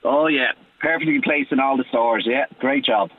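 Husky Dublin man on the phone. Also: mid-range voice, normal speed, dry recording. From Dublin, Ireland. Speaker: radio phone-in caller. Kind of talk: casual chat. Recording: muffled, narrow phone line.

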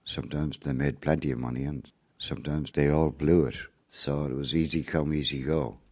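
An older Irish man, a former circus performer, telling family memories in an unhurried storytelling way. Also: very deep voice, steady tone, darkish tone. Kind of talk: reminiscing interview narration.

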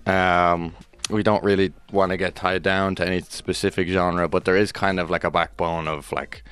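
A man's voice: deep voice, little pitch movement, moderate pace, fairly bright tone, clean tone. A man, a musician chatting casually as an interview guest. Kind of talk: casual chat.

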